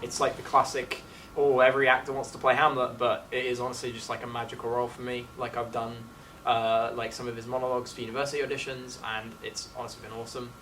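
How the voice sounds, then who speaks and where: Being interviewed casually, this English student actor in his late teens gushes informally, peppering his speech with "like". He's a fast talker with a level, medium-pitched voice that's a bit bright, recorded on a distant mic with faint background noise.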